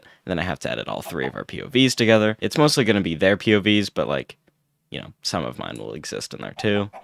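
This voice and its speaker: A man's voice: low voice, a bit bright. A young man chatting casually while playing a game, laid-back and rambling, a bit short on sleep. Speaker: gaming YouTuber. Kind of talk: casual gameplay commentary.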